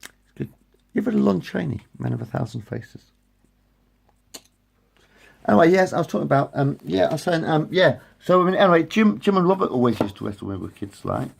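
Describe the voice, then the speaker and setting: This vlogger, a man in his late forties, talks to his phone's front camera in a casual, meandering ramble, frequently repeating and correcting himself. His voice is fairly high and sing-song, a little fast, creaky and breathy-edged, and he pauses often.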